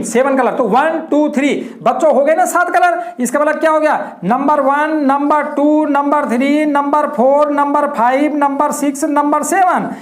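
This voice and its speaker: A woman teacher explaining a lesson in a repetitive way, often calling her students children. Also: sits high. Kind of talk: classroom-style lesson explanation. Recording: echoey room.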